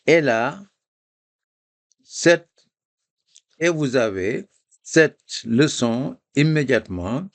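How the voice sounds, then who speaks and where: Slow, gravelly man teaching. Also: mid-range voice, animated. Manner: slow, patient explaining with repeated examples. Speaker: Arabic reading teacher. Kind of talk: live online lesson.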